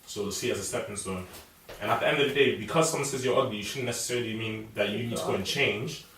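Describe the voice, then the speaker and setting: Earnest young man, low voice, roomy. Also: fast, a bit bright, slight background noise. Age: young adult. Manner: earnest, reasoning aloud. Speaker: panelist. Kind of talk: casual panel discussion. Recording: roomy sound from a distant mic.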